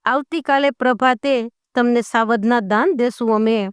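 A woman voicing a calm, fearless warrior king who speaks in a commanding way in a folk tale. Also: on the high side, moderate pace, clean tone, no echo, clean studio sound, lightly acted.

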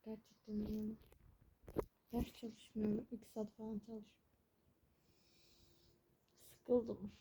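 A woman's voice: a little high, little pitch movement, slow, pauses often, background noise. Exasperated young woman ranting about exams. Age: young adult. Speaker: exam student vlogger. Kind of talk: casual vlog rant. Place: bedroom at home.

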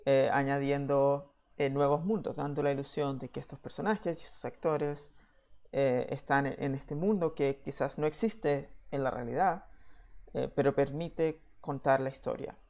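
A man delivers an online slide lecture from a room at home, speaking into a webcam at his desk. His voice has a gravelly, creaky edge, and he talks in a measured way, pausing often on "eh". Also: medium pitch, steady tone, darkish tone. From Chile. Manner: measured, with frequent "eh" fillers. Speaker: VFX software engineer giving a talk.

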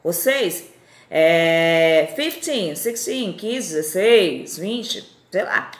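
A woman in her forties from Fortaleza, teaching basic English phrases. Her voice sounds tired and strained, and she repeats each phrase slowly. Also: fairly low pitch, expressive, echoey room. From Fortaleza, Brazil. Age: 40s. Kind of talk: recorded lesson.

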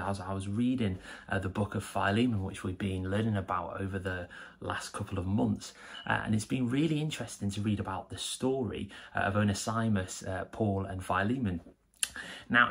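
Speaking to camera from a small, bare room, a young church member delivers a sincere and eager devotional talk. His voice sits on the low side and carries noticeable vocal fry.

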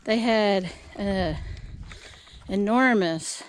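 A woman's voice: medium pitch, very slow. A middle-aged woman talking casually to her camera as she hikes, somewhat out of breath, musing aloud in short phrases. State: out of breath from climbing. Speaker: vlogger. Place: outdoors on a wooded hillside trail. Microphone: handheld camera at arm's length. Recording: outdoor trail sound with clear background noise.

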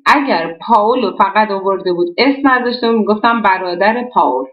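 A woman's voice: mid-range voice, animated. A woman teacher walks through a grammar exercise, explaining each step and posing questions she then answers herself. The sound is somewhat dull and the room echoes noticeably. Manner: explains step by step, often asks and answers her own questions. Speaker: German teacher.

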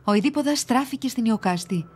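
A woman giving steady, measured scripted narration for a children's series on ancient myths. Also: on the high side, slight background noise.

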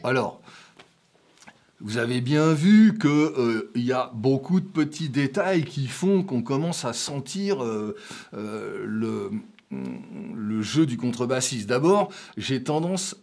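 A man's voice: mid-range voice, lively intonation, slow. An older man giving a loose, chatty jazz piano lesson, singing note names and counting beats as he plays. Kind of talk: spoken piano lesson with playing. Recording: talk over loud piano playing.

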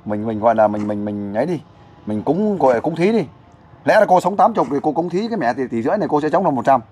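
A male host talks at a brisk clip in a middle-pitched voice. He is blunt and talkative, coaxing his guest along in a casual interview. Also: lively intonation, darkish tone, slight background noise.

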